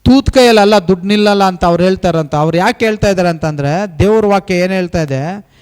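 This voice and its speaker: A man preaches a sermon in a high voice, pressing his congregation with rhetorical questions. He drives each point home by repeating short phrases in an emphatic cadence, speaking as the pastor of the church. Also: fast talker, a little mellow, clear, resonant tone.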